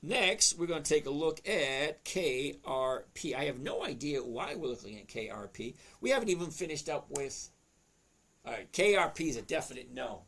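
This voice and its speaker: A man's voice: a little high, sing-song, moderate pace, a bit bright, husky. A man, hosting a trading livestream in casual chat, joking and talking to viewers by name. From Boston area. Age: 60s. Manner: chatty, jokey, talks straight to viewers by name.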